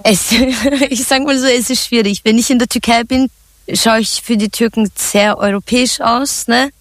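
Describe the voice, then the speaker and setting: A woman's voice: fairly high pitch, normal speed, dry recording. Woman from turkey chatting on the radio about her songs, laid-back, laughs a lot, dry close mic. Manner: relaxed, chatty, laughs often, many fillers. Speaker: singer and songwriter. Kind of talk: radio interview answers.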